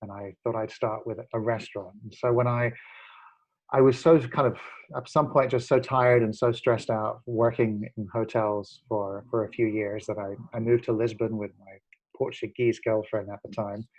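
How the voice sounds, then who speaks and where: On a muffled video-call recording, a man in his forties speaks as a casual-chat guest, earnestly and reflectively telling his story amid many fillers and restarts. His pitch is fairly low, his tone steady, and his speed normal.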